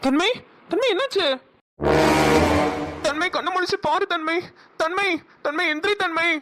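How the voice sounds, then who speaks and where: A woman's voice: extremely high pitch, fairly even intonation, fairly quick, loud music behind the voice. A woman voicing a protective young husband in a cartoon, with a Kongu Tamil accent and an urgent, anxious way of speaking. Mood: worried. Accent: Kongu Tamil (Namakkal). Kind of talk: cartoon voice acting.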